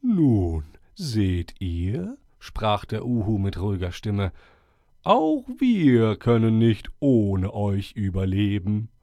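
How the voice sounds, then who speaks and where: A man voicing a wise, friendly old male owl who chairs a forest meeting, speaking slowly and stately with hooting calls. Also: fairly high pitch, wildly swooping pitch, creaky, darkish tone, no echo, clean studio sound, voice pushed up, full character voice. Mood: calm. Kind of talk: storybook character voice.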